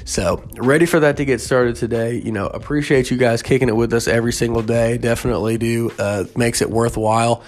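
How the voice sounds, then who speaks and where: A man's voice: medium pitch, steady tone, a little fast, few pauses, slight background noise. Tired, rambling male podcast host. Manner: laid-back, rambling with fillers and restarts. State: tired, yawning. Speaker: sports betting podcast host. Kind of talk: casual solo podcast.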